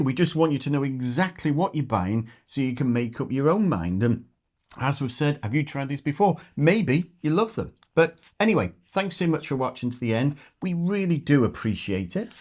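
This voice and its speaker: A middle-aged man chats casually as he co-hosts a travel vlog. He talks through food with his mouth full, in an easy, mid-pitched voice. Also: big pitch swings, normal speed, darkish tone. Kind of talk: casual food tasting chat.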